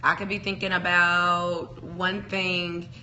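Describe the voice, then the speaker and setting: A woman's voice: fairly low pitch, level tone, slow, pushed and bright, a little hiss or hum, rough recording. A woman co-hosting a podcast, chatting casually in a rambling, self-deprecating way. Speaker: podcast co-host. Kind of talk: casual chat.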